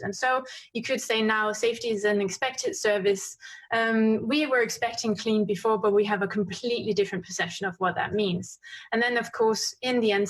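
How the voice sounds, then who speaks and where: A woman giving a conference presentation with slides, talking quickly with frequent fillers and self-corrections. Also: medium pitch. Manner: fast-paced with frequent fillers and restarts. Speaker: conference speaker. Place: conference stream.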